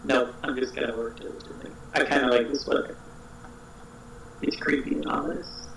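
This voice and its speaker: A man's voice: medium pitch, steady tone, normal speed, creaky, fairly bright tone, slight background noise. A man playing a tabletop game, heard over group voice chat that cuts out, thinking aloud with hesitant ums. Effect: heard over group voice chat, cutting out. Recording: echoey room over online voice chat.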